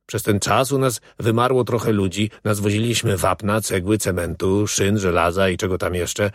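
A man's voice: fairly low pitch, steady tone, normal speed, no echo, studio quality, close to an everyday voice. A man voicing a weary, bitter male prisoner who talks in a brooding, resigned way.

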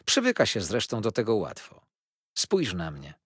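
A man's voice: lowish voice, huge pitch swings, normal speed, a bit bright, breathy edge, no room sound, studio quality, voice pushed up, heavily acted. A man voicing an older aunt who talks cheerfully and soothingly to her niece. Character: older aunt, brisk, cheerful, fondly reassuring.

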